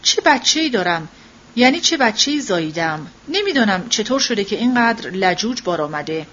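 A woman's voice: mid-range voice, big pitch swings, fairly bright tone, lo-fi sound. A woman voicing an anxious, proud young mother who speaks in an emotional, insistent way.

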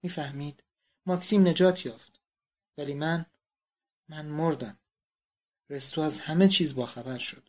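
A man's voice: fairly high pitch, long pauses, natural voice. A man reading the part of a distraught young countess pleading and confessing to her father. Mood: despairing.

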